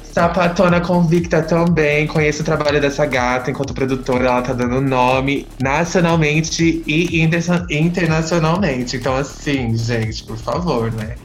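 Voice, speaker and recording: A man's voice: fairly high pitch, normal speed, hardly any pauses. Brazilian guy hosting a podcast, slangy and effusive, echoey room, bit of music behind. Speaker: podcast host. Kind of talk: casual podcast chat. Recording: roomy echo, faint music behind.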